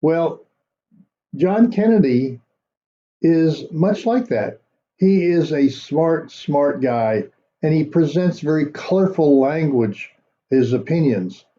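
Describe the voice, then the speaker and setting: A man hosting a political commentary show, talking in a measured, conversational way with frequent fillers. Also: a little high, animated, mellow, lo-fi sound. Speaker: commentary host.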